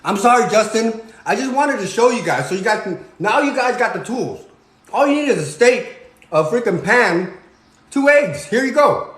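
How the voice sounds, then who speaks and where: A man in his forties, born in Cambodia, lectures his viewers in a home kitchen while he cooks. His voice sits a little high for a man, and the room gives it a clear echo. He talks in a preachy way and keeps checking in with "okay?". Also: expressive, moderate pace, fairly bright tone. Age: 40s. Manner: preachy, repeats "okay?" and "you guys". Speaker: fitness vlogger. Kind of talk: motivational talk while cooking.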